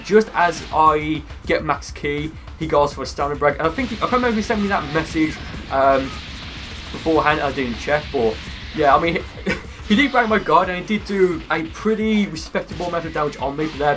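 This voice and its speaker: A man's voice: on the high side, fairly quick. A man giving casual gameplay commentary in a rambling, conversational way. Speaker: gaming video creator. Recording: music behind the voice. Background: music.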